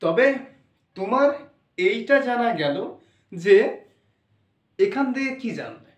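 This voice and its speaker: High-voiced man teaching in an echoey room. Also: sing-song, slow pace, distant mic. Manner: repeats points, checks in with "okay". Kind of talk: spoken English phonics lesson. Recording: roomy echo, voice off-mic.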